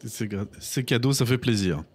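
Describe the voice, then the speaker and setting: A man's voice: mid-range voice, moderate pace, a little mellow. A man hosting a casual podcast, giving short affirming reactions and wrapping up segments. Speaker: podcast host.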